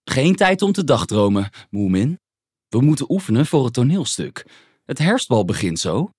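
Narrator putting on a pompous fatherly troll for a storybook; booming, dry close sound. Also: big pitch swings, normal speed, a little mellow, no room sound. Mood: brisk. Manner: theatrical, throat-clearing.

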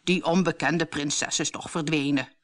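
A woman's voice: low voice, fairly even intonation, a little slow. Woman doing a vain haughty stepmother. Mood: vain cool.

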